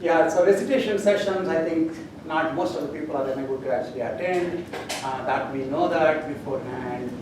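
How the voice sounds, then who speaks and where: A man with an Indian accent and a somewhat high voice talks to his class with lots of ums and wry asides. The sound is very roomy, picked up from a camera at a distance in a lecture hall, with faint background noise. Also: brisk. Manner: rambling, many fillers, dry humor. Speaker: university professor. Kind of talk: classroom announcements.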